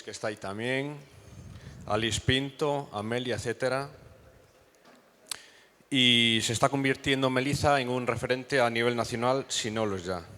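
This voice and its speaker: A man's voice: medium pitch, fairly bright tone. A man opening an event and reading a guest's biography aloud, with small stumbles. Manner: reads a prepared bio aloud with small slips. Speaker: event organizer introducing a speaker. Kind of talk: reading a speaker introduction.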